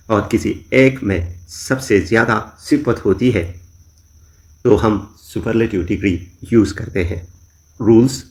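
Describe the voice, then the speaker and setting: A low-pitched man teaches a grammar lesson at a very slow, deliberate pace. He dictates example sentences word by word, pausing between phrases the way a tutor does in a recorded class. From Pakistan. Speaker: English teacher. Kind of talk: grammar lesson explaining in Urdu.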